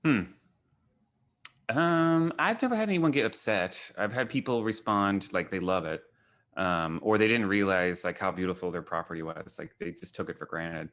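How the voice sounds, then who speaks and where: This American man from Kentucky has a low-sitting, slightly bright voice. As a photographer and artist fielding questions in a casual online gallery talk on video call, he rambles informally, telling anecdotes and frequently quoting others.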